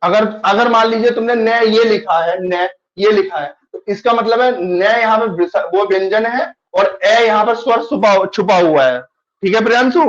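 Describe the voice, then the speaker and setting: A man's voice: high voice, normal speed, highs cut off. A male teacher taking an online class, patiently explaining and repeating questions to his students.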